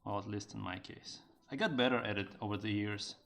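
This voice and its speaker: A streamer and game developer talks casually on a live stream, responding to chat, using lots of fillers and cracking jokes in broken learner Japanese. His voice is on the low side, brisk, creaky and a bit bright.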